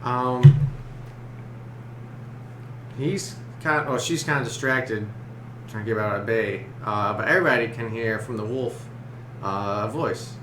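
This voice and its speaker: A man narrating a tabletop role-playing game as game master, halting and searching for his words. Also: medium pitch, fairly bright tone. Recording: roomy, echoey, noisy room recording.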